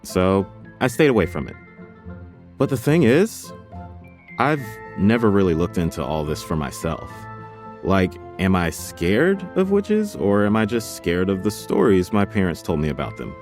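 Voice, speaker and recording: A man's voice: low-pitched, big pitch swings, a little slow, a little mellow, soft background music. A man from North Carolina hosting a narrated documentary podcast, telling it with wry, self-deprecating humor. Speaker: podcast host.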